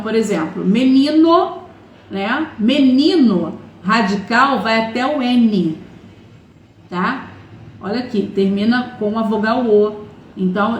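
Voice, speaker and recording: A woman Portuguese teacher giving an online grammar lesson, explaining patiently and checking in often with short questions. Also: a little high. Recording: echoey room with faint noise.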